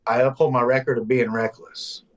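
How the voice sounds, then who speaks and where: A man in his thirties, a songwriter guest, telling casual, animated stories in an interview. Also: medium pitch, highs cut off. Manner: animated, loose storyteller, slips into quick voices.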